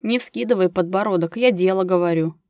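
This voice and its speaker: A woman doing gruff, curt neighbor Gera. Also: fairly low pitch, a little fast, darkish tone, no echo, clean studio sound, natural voice. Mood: blunt. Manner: curt, businesslike, bossy. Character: gruff blunt grown man, a practical ex-paramedic neighbor.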